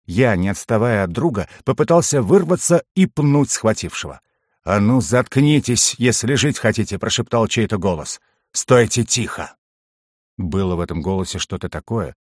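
A man reading a first-person fantasy audiobook in an expressive storytelling manner, in a dry close recording. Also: mid-range voice, no room sound. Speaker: audiobook narrator.

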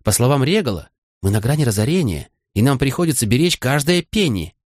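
A man's voice: mid-range voice, very animated, fairly quick, no room sound, studio quality, pitched above the performer's own voice. A man reading an audiobook, voicing a young queen who speaks urgently and confidingly. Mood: worried. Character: young grieving queen, earnest and direct. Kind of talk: audiobook character voice.

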